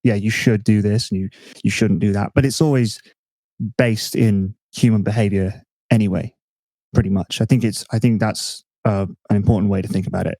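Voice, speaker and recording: Mellow man hosting a podcast. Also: on the low side, moderate pace, dry recording. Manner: relaxed, self-mocking, thinks aloud with restarts. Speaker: podcast host. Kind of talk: casual chat.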